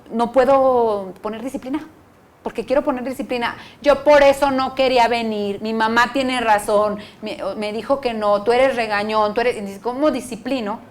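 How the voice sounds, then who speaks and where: Woman, psychologist, lecture, lively, acts out quotes, fairly high voice. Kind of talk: lecture to an audience.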